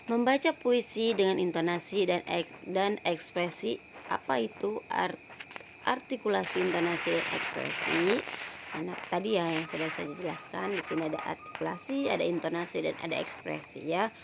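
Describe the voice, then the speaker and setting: Lady teacher doing an online class for kids, low kinda gravelly voice, keeps saying ya and sayang, noisy home recording. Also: normal speed. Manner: calls pupils "sayang", frequent "ya" tags, repeats words. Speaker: primary school teacher. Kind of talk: recorded online lesson for children.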